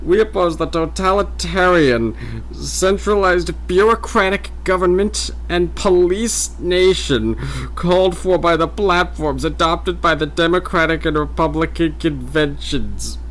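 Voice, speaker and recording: A grand, old-fashioned orator with a mock Mid-Atlantic accent, as a man puts him on, declaiming each phrase slowly. The voice rides a bit higher than his usual and sounds louder and fuller. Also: poor audio. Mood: grandiose. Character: pompous man reading a 1948 party platform.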